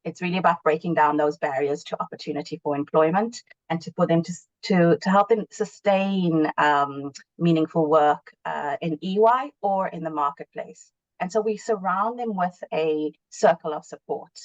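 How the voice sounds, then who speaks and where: Low-voiced woman from South Africa. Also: normal speed, no room sound, highs cut off. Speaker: panel guest, award winner. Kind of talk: webinar panel answer.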